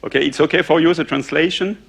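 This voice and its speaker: A French-speaking man gives a conference talk in English, speaking haltingly, restarting sentences often and filling gaps with lots of "uh" and "eh," occasionally pausing to question the audience. His pitch is fairly high and his tone steady and fairly bright, with a creaky quality and a breathy edge.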